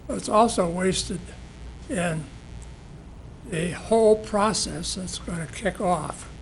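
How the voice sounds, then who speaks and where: Older male citizen speaker, strained raspy whisper, unusually high, halting delivery, faint room noise. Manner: halting, broken phrasing. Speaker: citizen giving public comment. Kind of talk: public comment speech. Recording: noisy public meeting room recording.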